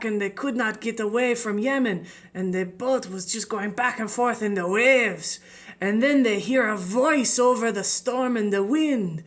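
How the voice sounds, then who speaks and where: Young woman goofing through a story, jokey asides, whispers the side comments. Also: mid-range voice. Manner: chatty, joking asides, dropping to a whisper for comments. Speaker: student in a telephone game. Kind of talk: playful storytelling.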